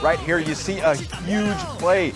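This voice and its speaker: An energetic man calling play-by-play on a game broadcast, recounting each play with a storyteller's drive. His voice sits a little high, and a strong music bed plays under him. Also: measured pace. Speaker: esports caster. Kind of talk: play-by-play commentary.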